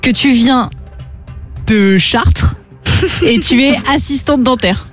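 A woman's voice: a little high, slow, faint music behind. A woman co-hosting a radio game show, chatting playfully in the studio. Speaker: radio co-host.

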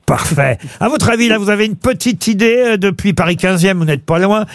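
Man, radio game host, teasing, high voice, dry close sound. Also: expressive, brisk, dry recording. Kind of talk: radio game show hosting.

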